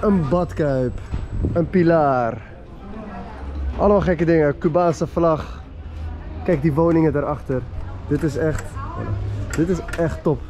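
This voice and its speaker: A man's voice: on the high side, takes it slowly, pauses often. Enthusiastic young man on a walking tour. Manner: enthusiastic, chatty, addresses viewers directly. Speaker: vlogger, tour guide. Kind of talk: casual walking-tour narration. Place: outdoor narrow city street with murals, walking.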